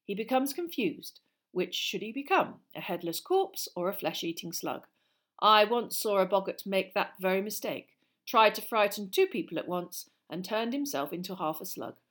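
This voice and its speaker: A calm, encouraging male professor of magic , acted out by a woman reader. He explains in a measured, teacherly way, as in an audiobook story, at a middling pitch. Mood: instructive.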